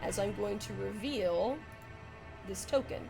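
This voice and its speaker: A woman's voice: medium pitch, unhurried, vocal fry, warm tone, soft background music. A young woman running a tabletop role-playing game as game master, narrating dramatically and laughing often.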